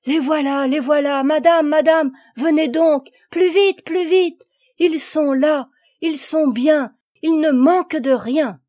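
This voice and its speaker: A woman reading a storybook aloud and voicing an excited, loyal female servant who calls out in loud, repeated cries. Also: sits high, slow, dry recording, studio quality, voice pushed up. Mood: overjoyed.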